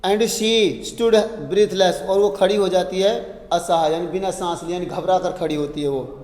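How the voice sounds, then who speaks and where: A man teaching a story chapter. He reads English lines slowly and then explains them in Hindi. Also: sits high, mellow. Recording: echoey room with long reverb.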